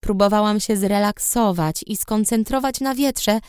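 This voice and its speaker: A woman reading an audiobook aloud in the first person, with an even, reflective storytelling manner. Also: medium pitch, a little slow, smooth, dry recording, studio quality. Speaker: audiobook narrator. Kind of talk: first-person scripted narration.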